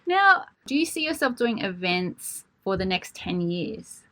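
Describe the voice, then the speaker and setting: A woman's voice: mid-range voice, very animated, measured pace, a bit bright. A woman hosting a conversational interview in a supportive, encouraging way. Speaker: interviewer, podcast host.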